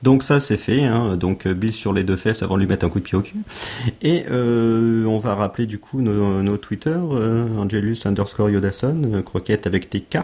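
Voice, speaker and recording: A man's voice: fairly low pitch, normal speed, mellow. A young man co-hosting a casual podcast, rambling and joking with many fillers. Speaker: podcast co-host. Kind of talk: casual chat.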